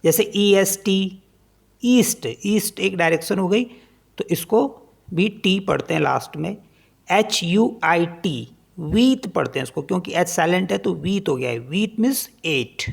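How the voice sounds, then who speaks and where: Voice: mid-range voice, animated, unhurried, vocal fry, slightly rough. A language teacher explaining French pronunciation in Hindi, spelling each word letter by letter and then repeating how it is read.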